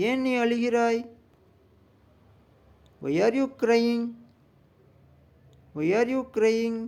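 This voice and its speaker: A man with a Tamil accent teaching spoken English, reading each sentence slowly and twice for learners. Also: high voice, darkish tone.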